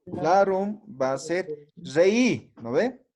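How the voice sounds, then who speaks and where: A man's voice: sits high, lively intonation, very slow, darkish tone, soft background music. A man teaching a language class, patiently explaining and often checking that the students follow. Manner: patient, checks understanding with frequent tag questions. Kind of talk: classroom lesson.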